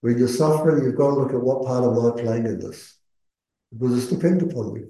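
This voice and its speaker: A man speaking as a Buddhist meditation teacher, giving earnest, measured spoken teaching with pauses mid-phrase. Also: medium pitch, mellow. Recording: echoey room.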